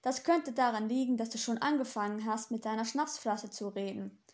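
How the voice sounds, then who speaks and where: A well-meaning male angel, earnest and primly friendly, as a woman narrator plays him. His voice rides noticeably high, a touch above the narration. He is an audiobook character. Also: normal speed, natural voice.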